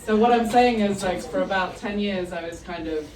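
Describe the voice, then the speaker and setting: Speaking at a moderate pace in a mid-range voice, this middle-aged comedian from South Africa jokes crudely with the crowd and makes herself the target of her own jokes. It's a live club recording with a distant microphone, an open room sound, and audible audience noise.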